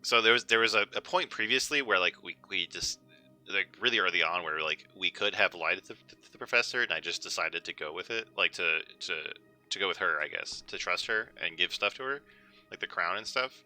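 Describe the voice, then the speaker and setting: A man's voice: low-pitched, a little fast, bright, forceful tone, faint music behind. A man casually commenting on a game he is playing, rambling and repeating words as he thinks aloud. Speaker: let's play host.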